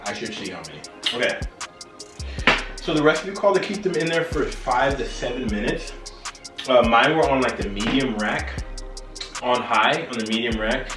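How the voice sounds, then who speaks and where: A man's voice: mid-range voice, animated, moderate pace, long pauses. Tipsy man cooking, roomy distant mic. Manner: tipsy, loose and rambling, drinking shots as he cooks. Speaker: cooking show host. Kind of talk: casual home cooking demonstration. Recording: roomy echo, distant mic, music behind. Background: music.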